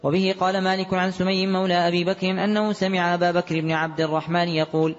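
A man reading a classical text aloud as a student, in a rapid, even recitation with occasional chanted tones. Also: sits high. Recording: dull lo-fi recording in a long-reverb hall.

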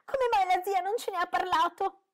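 Woman doing a shrill giddy teenage girl. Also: moderate pace. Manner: very high, shrill exclamations. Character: giddy teenage girl, flighty and boy-crazy.

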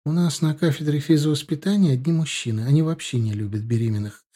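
A woman's voice: low voice, fast, mellow, husky. A man reading an audiobook, voicing an anxious young female student who pleads her case. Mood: pleading. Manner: pleading, insistent.

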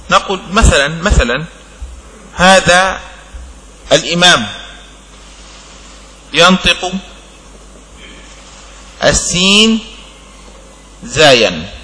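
Guy teaching a class, high voice, long echoey hall reverb, keeps asking if you got it. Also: sing-song, pushed and bright. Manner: checks understanding with repeated short questions; slow, broken-up phrasing, word by word. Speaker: sheikh teaching a fiqh text. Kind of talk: classroom lesson explaining a legal text.

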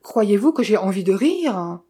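A young clerk playing detective, thrown into confusion and firing off anxious questions, voiced by a woman reading the book. The tone is mellow and slightly breathy. It is an audiobook character voice. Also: medium pitch, very animated, measured pace. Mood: weary. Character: young male clerk, bewildered amateur sleuth.

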